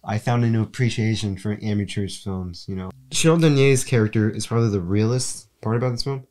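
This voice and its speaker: A young man with a congested, stuffy voice, co-hosting a casual film review podcast. He talks in a rambling, relaxed way and often restarts his sentences. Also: lowish voice, brisk. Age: young adult. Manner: rambling, self-correcting, relaxed. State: congested from allergies. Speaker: podcast co-host.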